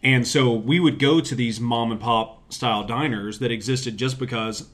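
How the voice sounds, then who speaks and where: A man's voice: mid-range voice, normal speed, fairly bright tone. Joking man from Tennessee, casual chat. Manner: self-deprecating, jokey storyteller.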